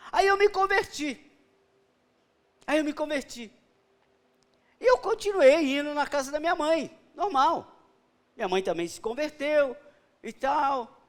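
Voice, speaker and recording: A middle-aged man with a Brazilian Portuguese accent, preaching a sermon as pastor and telling stories with rhetorical questions. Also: extremely high pitch.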